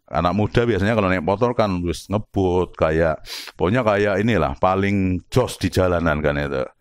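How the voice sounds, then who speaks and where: A middle-aged Islamic philosophy teacher with a low voice gives a lively religious study lecture, explaining through rhetorical questions and examples. He mixes in Arabic and Javanese words, and the recording is dry.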